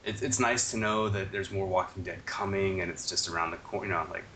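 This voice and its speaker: Deep-voiced man recapping a show. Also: little pitch movement, far from the mic, slight background noise. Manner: rambling, halting recap with mock-shouted quotes. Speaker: podcast co-host. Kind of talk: casual chat.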